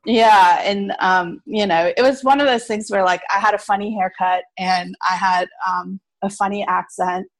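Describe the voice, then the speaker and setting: Here a farmer-innkeeper in her thirties, South African by origin, chats through an easygoing interview, dropping frequent ums and little laughs as she tells stories. Her mid-range voice keeps a fairly even intonation at a moderate pace with few pauses, captured dry.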